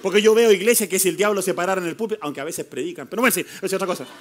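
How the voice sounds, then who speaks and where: A man's voice: high voice, racing, fairly bright tone, some chatter behind, slight background noise. A man preaching a fiery, playful sermon as pastor, mixing mockery with rising declarations. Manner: fiery, playful preaching with mocking put-on voices.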